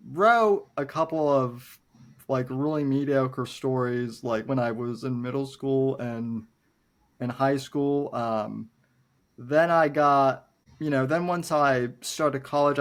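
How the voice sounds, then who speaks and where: Brief: unhurried podcast host, a man in his late twenties, hesitant and thoughtful delivery. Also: medium pitch. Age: 20s. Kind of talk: casual podcast interview.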